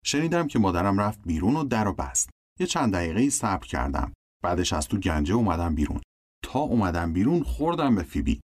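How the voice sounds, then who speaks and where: A man reading a novel aloud as an audiobook narrator, expressive and animated, acting out the dialogue. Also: no echo. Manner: animated, acts out dialogue with shifting pitch. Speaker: audiobook reader. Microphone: close studio mic.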